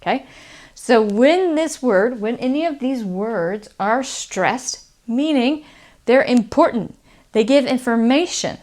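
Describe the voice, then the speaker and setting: Slow-paced American woman teaching English. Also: on the high side, expressive, darkish tone. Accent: standard American. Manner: explanatory, often checks understanding with "okay?" and "right?". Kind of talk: conversational video lesson.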